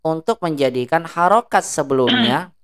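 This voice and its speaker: A woman with a low, smooth, clear voice teaches an Arabic class. She stretches the long vowels as she drills each word. She stops often to ask the class if they follow. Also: animated, moderate pace. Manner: asks the class check questions.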